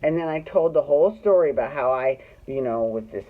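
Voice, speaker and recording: This mid-range, expressive voice moves briskly: a middle-aged Californian from Glendale hosting their own show, recounting personal stories casually to camera with cattiness, drama, profanity and acted-out lines. The sound is muffled and narrow, as if over a phone.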